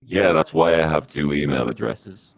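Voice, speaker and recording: A man speaking through a disguised deep voice as a podcast guest, giving rambling, halting answers. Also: gravelly. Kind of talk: comic podcast interview.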